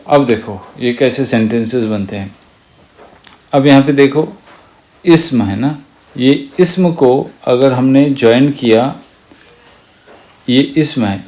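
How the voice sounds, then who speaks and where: A man's voice: mid-range voice, darkish tone. A man teaching Arabic words in an explanatory online lesson, patiently repeating each word and asking the listener to say it back.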